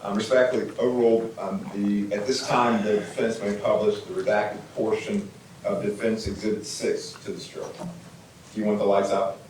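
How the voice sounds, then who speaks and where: A man's voice: on the low side, little pitch movement, a little mellow. A man as a judge on an echoey courtroom recording. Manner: measured, formal, procedural. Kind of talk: formal courtroom proceedings. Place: large courtroom. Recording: echoey courtroom audio from far off, faint room noise.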